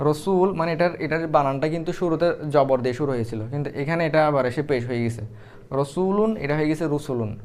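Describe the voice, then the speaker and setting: A man's voice: on the high side, racing, hardly any pauses, darkish tone. A young man teaching Arabic grammar in a casual, explanatory way, thinking aloud with fillers and restarts as he writes.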